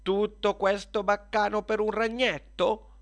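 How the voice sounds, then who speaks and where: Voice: little pitch movement, measured pace, close to an everyday voice. A storyteller voicing a mother who screams at a spider, in a children's storybook reading. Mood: calm. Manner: high, screaming for help. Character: mother, easily frightened.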